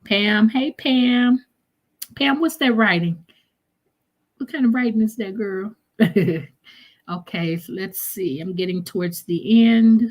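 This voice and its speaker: A woman's voice: mid-range voice, takes it slowly, long pauses. A middle-aged woman hosting a live stream, greeting viewers by name and reading their comments in a casual, chatty way that often trails off and restarts. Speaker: livestream host.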